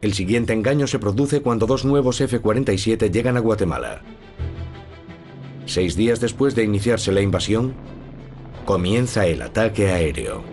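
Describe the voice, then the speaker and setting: A man narrating a documentary in a measured, serious storytelling manner. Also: lowish voice, animated, darkish tone. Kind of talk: scripted narration. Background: background music.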